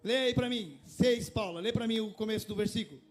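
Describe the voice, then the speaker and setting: A man's voice: high-pitched, brisk. A man preaching a conversational sermon in a church, asking his congregation rhetorical questions and rising to passionate appeals. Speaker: pastor.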